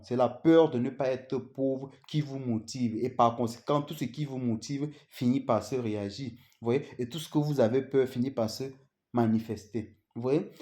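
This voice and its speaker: A man's voice: medium pitch, warm tone. A man giving an unscripted motivational talk, speaking earnestly to the listener, often asking "you see?" and restarting his sentences. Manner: earnest, repeats "vous voyez?", restarts and stammers.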